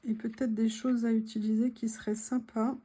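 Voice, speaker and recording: Woman, soft and breathy, mellow tone, chatty vlogger who talks through each step of her crafting. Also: fairly high pitch, flat delivery, moderate pace. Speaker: journaling vlogger. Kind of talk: casual crafting vlog narration.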